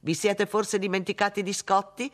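A man's voice: sits high, flat delivery, normal speed, a bit bright, pitched above the performer's own voice. Guy doing a creepy caller voice, taunting, a bit raised, audiobook. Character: menacing anonymous male caller, taunting.

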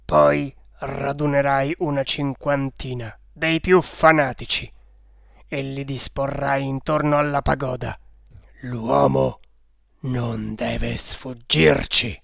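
A man's voice: mid-range voice, flat delivery, measured pace, gravelly, fairly bright tone, no echo, clean studio sound. A man voicing a cruel, fanatical male temple priest in an audiobook, speaking sternly and without mercy. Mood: menacing. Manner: stern, implacable, menacing. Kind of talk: audiobook character reading.

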